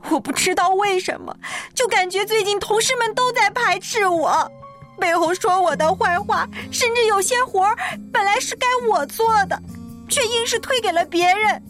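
A woman's voice: very high voice, moderate pace, soft background music, voice pushed up. A woman voicing a hurt, defensive young woman who holds back tears and speaks with aggrieved insistence. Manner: aggrieved, pleading, then forced calm. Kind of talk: storybook character voice.

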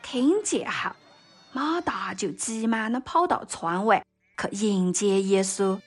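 A woman narrating a Bible story in a slow, gentle way and speaking directly to her listeners. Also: medium pitch.

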